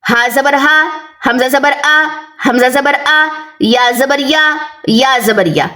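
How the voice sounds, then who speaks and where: A woman with a Pakistani Urdu accent, teaching a Quran reading lesson and patiently drilling syllables, slowly and with repetition. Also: sits high, sharp tone. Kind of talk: step-by-step recitation lesson.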